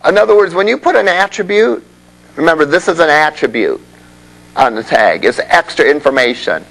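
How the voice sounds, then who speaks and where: A man's voice: fairly high pitch, expressive, moderate pace, gravelly, fairly bright tone, poor audio. A man teaching a web development class in a classroom, explaining things conversationally and often checking in with the students. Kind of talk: classroom lecture.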